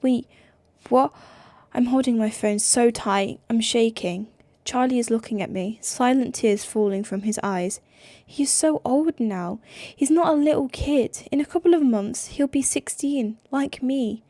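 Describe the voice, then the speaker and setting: A woman's voice: fairly high pitch, a little slow, dark tone, no echo. A young woman with a slight lisp giving an amateur audiobook reading, stumbling over words and restarting phrases. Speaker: audiobook reader.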